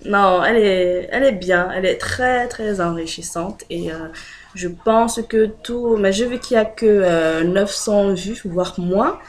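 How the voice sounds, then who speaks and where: A French woman talks straight to her camera in a loose, chatty way, pausing on fillers as she searches for words. Her pitch sits in an ordinary middle range for a woman, and she slips into easy laughter. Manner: chatty, hesitant with many fillers, laughs often. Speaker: video blogger. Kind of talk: casual direct-to-camera chat.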